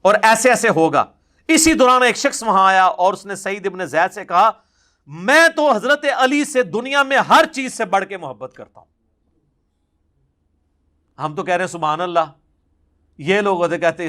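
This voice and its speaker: A male preacher delivers a passionate religious lecture. His voice sits somewhat high for a man, and he stresses his points through forceful repetition. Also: animated, pauses often. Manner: impassioned, recounts hadith with emphatic repetition. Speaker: religious speaker.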